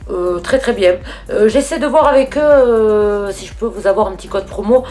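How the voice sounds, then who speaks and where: A woman's voice: medium pitch, normal speed, warm tone. A middle-aged woman, chatting casually through a beauty haul with many fillers and restarts. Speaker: beauty vlogger. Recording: faint music behind.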